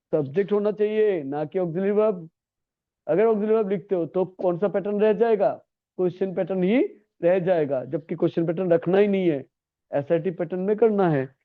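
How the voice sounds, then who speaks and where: High-voiced male teacher coaxing a class. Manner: coaxing, repetitive, calls students "beta". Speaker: English grammar teacher. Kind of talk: classroom lesson. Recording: tinny phone-like classroom recording.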